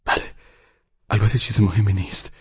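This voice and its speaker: Tired, polite young man, read by a man, hesitant and husky, muffled dry recording. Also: on the low side, little pitch movement, pitched above the performer's own voice. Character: weary, timid young man seeking shelter. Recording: dull, dry studio read.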